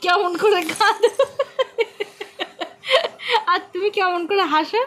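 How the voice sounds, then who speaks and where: A woman with a West Bengal Bengali accent, coaxing a small child at home in drawn-out, sing-song baby talk. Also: extremely high pitch, fairly even intonation, fairly bright tone, slight background noise. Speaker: village vlogger. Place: home indoors during heavy rain.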